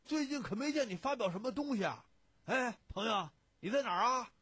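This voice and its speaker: A blustery middle-aged man on the phone, shouting in a much higher, strained voice full of excitement, as a male reader puts him on. His speech climbs and swings and never settles. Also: a little fast, husky, dry recording, full character voice. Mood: loud, insistent.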